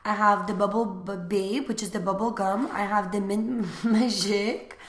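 A young woman from Lithuania, with a mid-range voice at normal speed, chats casually about her small business as an interview guest. Her manner is easygoing and talkative, heavy on fillers, and the recording has an echoey room sound.

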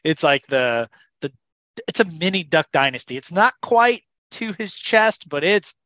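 A man's voice: fairly high pitch, animated, measured pace, pushed and bright, no room sound. A man co-hosting a casual chat, rambling with many restarts. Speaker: podcast co-host. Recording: dull lo-fi sound.

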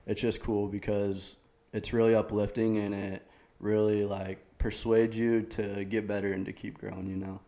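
Mellow, low-voiced young man. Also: level tone, moderate pace, few pauses. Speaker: podcast co-host. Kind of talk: casual chat.

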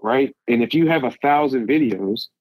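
A man's voice: mid-range voice, moderate pace, no echo, dull audio. Rambling, emphatic man in a dry recording. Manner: rambling, emphatic, advice-giving. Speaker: podcast guest. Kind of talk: casual podcast conversation.

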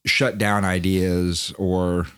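A man co-hosting a podcast, talking with animated, profane energy and stumbling restarts. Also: sits low, drawn-out words, smooth. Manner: animated, profane, repeats words when starting thoughts. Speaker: podcast co-host. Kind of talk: casual chat.

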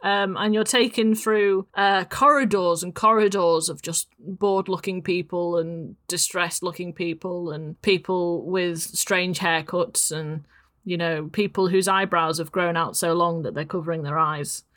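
A woman's voice: on the low side, fairly even intonation, measured pace, a bit bright. A woman narrating a tabletop game as game master, rambling with many restarts. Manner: rambling, with frequent fillers and restarts.

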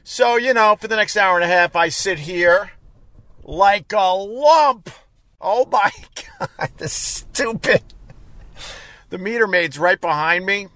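A man's voice: sits high, measured pace, pushed and bright, no room sound. An American man hosting a casual livestream from his car, brash and exclamatory as he chats. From United States. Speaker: podcast host. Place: inside a parked car on a city street. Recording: faint street and traffic noise.

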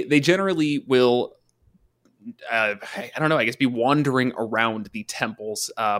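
Halting, casual male podcast co-host. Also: mid-range voice, fairly bright tone. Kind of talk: casual, joking explanation of tabletop game lore.

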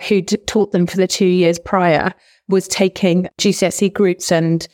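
This forties-aged woman from England, formerly a language teacher, talks eagerly and laughs often as an interview guest in a casual chat. Her voice sits on the low side, darkish in tone, delivered flatly at normal speed.

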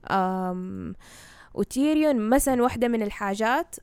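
Speaking at a normal speed, she sounds a little high, animated, darkish and clean, and the recording is dry. The same Hejazi-accented Saudi guest casually walks through fantasy lore in Arabic with English words thrown in, repeatedly confirming the listener understands.

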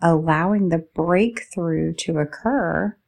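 Guiding listeners through meditation, this woman lays out calming words in brief, drawn-out phrases at a very slow pace. Her voice is fairly low, dark and soft, with a gravelly, fried quality.

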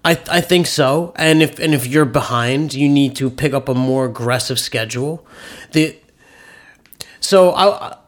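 A man with a nasal, mid-range voice co-hosts a podcast, explaining finances in an enthusiastic, opinionated, casual way at a measured pace. He is also an author.

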